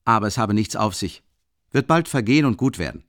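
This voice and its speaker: A man voicing a boisterous young male student in an audiobook, booming and exclaiming. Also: animated, brisk, fairly bright tone, dry recording, studio quality. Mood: hearty, boisterous. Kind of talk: audiobook character reading.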